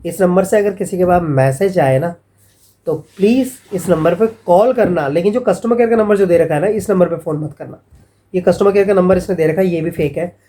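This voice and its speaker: Mellow-voiced man, chatting. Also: sits high, brisk. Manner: chatty, addresses viewers as friends; mocking, storytelling retelling of scam calls. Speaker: vlogger. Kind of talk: casual vlog warning viewers.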